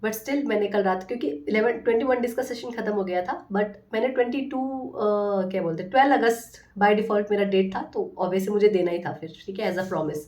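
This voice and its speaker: A woman healing coach talking casually to viewers in a soft, affectionate and earnest way. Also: mid-range voice, normal speed, hardly any pauses, far from the mic. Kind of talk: casual motivational talk to viewers.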